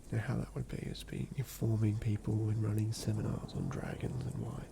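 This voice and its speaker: Whispering Australian man, gravelly and soft. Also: fairly low pitch, monotone, brisk. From southern Australia. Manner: soft whisper, musing and rambling. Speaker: ASMR creator building a game character. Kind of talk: whispered ASMR. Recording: noisy ambient background.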